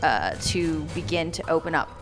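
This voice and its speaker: A woman's voice: sits low, animated, moderate pace, gravelly, music in the background. A woman acting as game master on a live tabletop stream, narrating with many hesitant ums and turning upbeat as she thanks the audience. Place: community media studio table.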